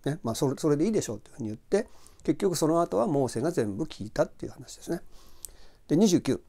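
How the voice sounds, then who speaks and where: A middle-aged man giving a relaxed Bible commentary, rambling in a friendly way with plenty of fillers. His voice is mellow and dark, and his pitch rises and falls with a lot of life. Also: fast. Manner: chatty and loose, with many fillers and asides. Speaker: host of a Bible talk channel.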